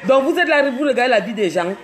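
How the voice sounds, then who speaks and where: A woman's voice: high-pitched, expressive, fast, faint music behind. A woman from Cameroon, ranting on a livestream, mocking and scolding with laughs between jabs. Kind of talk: live social media rant.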